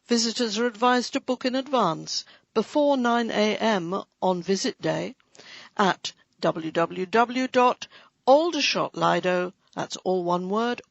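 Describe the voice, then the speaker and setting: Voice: mid-range voice, creaky, dry recording. A reader giving a scripted, light-hearted reading of a local council magazine, with playful asides. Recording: dry, dull lo-fi recording.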